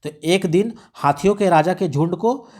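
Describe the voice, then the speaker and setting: A man with a high, somewhat dark voice speaks at a moderate pace. He's tutoring exam students through a radio script one step at a time, repeating and rephrasing as he explains it.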